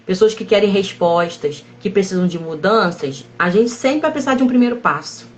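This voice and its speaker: A woman psychologist explaining calmly in a live-stream conversation, measured and often checking in with tag questions. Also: medium pitch. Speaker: psychologist guest.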